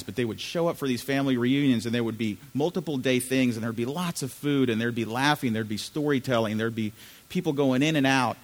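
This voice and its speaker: Man preaching a sermon in a reverberant hall. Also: medium pitch. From Chile. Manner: conversational, asks the congregation questions. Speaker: pastor. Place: church sanctuary.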